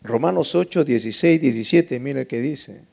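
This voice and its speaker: A man's voice: medium pitch, moderate pace, gravelly, a little mellow, slight background noise. A man preaching a Bible lesson sermon, emphatic and asking the congregation rhetorical questions.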